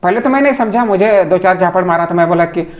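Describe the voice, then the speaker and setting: A man's voice: sits high, fast. A man earnestly recounting his complaint to a reporter in a news office, calling him sir and stumbling over his words now and then. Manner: earnest, respectful, addresses interviewer as sir. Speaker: complainant telling his story.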